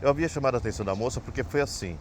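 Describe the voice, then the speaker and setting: A male vlogger from Brazil talks very fast in a mid-range voice, casually rambling through a personal story. His Brazilian Portuguese accent comes through, sentences end with "né?", and there's a little hiss or hum.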